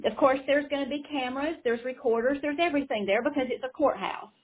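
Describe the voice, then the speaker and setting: A woman's voice: high voice, quick pace, husky. A caseworker, a woman, insistently explaining her side at length on a phone call. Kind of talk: phone conversation. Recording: tinny phone line.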